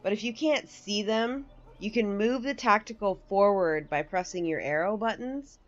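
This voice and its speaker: A woman with a mid-range voice speaks at a normal speed while casually hosting a video game walkthrough, explaining as she goes. Game music runs underneath. The recording is muffled.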